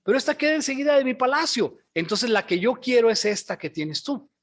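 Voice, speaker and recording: A man's voice: very high-pitched, lively intonation, brisk, pitched above the performer's own voice. A covetous wicked king, acted out by a male preacher in a sermon story. He speaks in a raised, coaxing and petulant tone, like a spoiled ruler denied. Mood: wheedling. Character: greedy, sulky wicked king.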